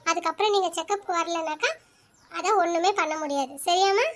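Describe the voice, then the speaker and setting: A performer voicing a brisk female doctor in a cartoon, firm and instructive, repeating the rules. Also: very high-pitched, a bit bright. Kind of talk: cartoon voice acting.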